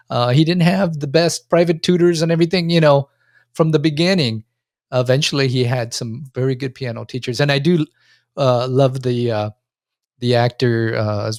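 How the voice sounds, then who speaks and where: A man's voice: medium pitch, darkish tone, no echo, clean studio sound. A man, talking casually about film. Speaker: film commentator.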